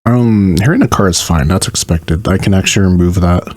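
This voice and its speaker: A man's voice: low-pitched, brisk, darkish tone, no echo. A man co-hosting a casual podcast, laid-back and dryly joking. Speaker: podcast co-host.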